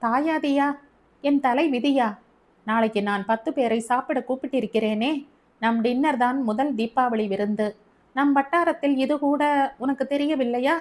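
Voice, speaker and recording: A woman's voice: fairly high pitch, steady tone, normal speed, lightly acted. A woman voicing a scolding, arrogant rich husband. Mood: angry, scolding. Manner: scolding, raised and emphatic. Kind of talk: audiobook character reading.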